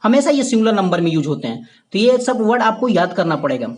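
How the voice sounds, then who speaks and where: A man's voice: sits high, big pitch swings, fast talker. A man teaching a basic grammar lesson who repeats key points, checks in with listeners and calls them his dear friends. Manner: addresses viewers as "my dear friend".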